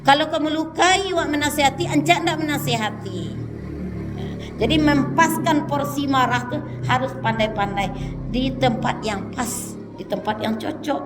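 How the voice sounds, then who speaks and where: A woman preaches a sermon, her fairly high voice carrying a long tail of hall reverb. She moves from loud, emphatic calls to low, quiet asides. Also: normal speed, music in the background. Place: mosque.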